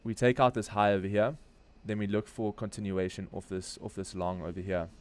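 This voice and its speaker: Fairly low-pitched and a little mellow, with little pitch movement, this man speaks fairly quickly in a South African accent. He is a crypto trading livestream host from Durban, South Africa, offering casual, slangy live market commentary while thinking aloud.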